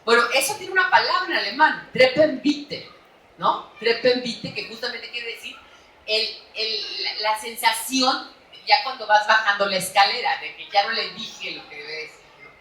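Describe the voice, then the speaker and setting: A bright, forceful Mexican woman speaks animatedly to an audience, her voice fairly high for a woman. She is an author presenting her book in a chatty, lively way. The sound comes from a distance in a large hall that rings with echo. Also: normal speed, a little hiss or hum. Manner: animated, chatty, frequent "¿no?" tags. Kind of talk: lively public talk at a book fair. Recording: echoey hall, voice from off-mic.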